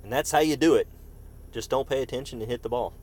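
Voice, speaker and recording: A man's voice: medium pitch, fast talker, a little mellow, slight background noise. A man giving casual live-stream commentary while playing a game, chatting with viewers by name and breaking off now and then to cough. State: coughing fits. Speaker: gaming streamer.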